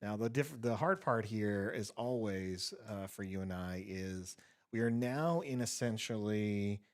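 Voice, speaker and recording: A man co-commentating a card game tournament, explaining play in a relaxed, upbeat way. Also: fairly low pitch, unhurried. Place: empty gaming room at a cafe.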